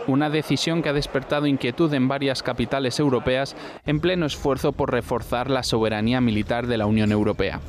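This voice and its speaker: A man delivering a formal news report with a steady, even delivery. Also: medium pitch, noisy background. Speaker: news correspondent.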